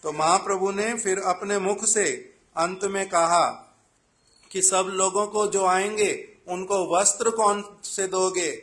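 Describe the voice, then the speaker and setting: A man giving a devotional sermon at a temple festival. He recites verses and explains each one in plain talk, telling the story in a measured way. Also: high-pitched, steady tone, a bit bright.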